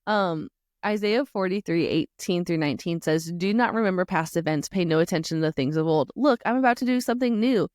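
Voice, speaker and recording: Chatty woman with a low voice. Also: a little fast, no echo, clean studio sound. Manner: chatty and animated, lots of "like" and self-talk asides. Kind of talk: casual faith talk to moms.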